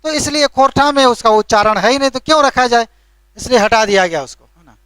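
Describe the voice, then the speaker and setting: A man's voice: very high-pitched, a little fast, a bit bright, clean tone, no room sound. A male teacher lecturing a classroom, checking in with a constant tag question and lightly scolding needless spellings. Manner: keeps adding the tag question "है ना?".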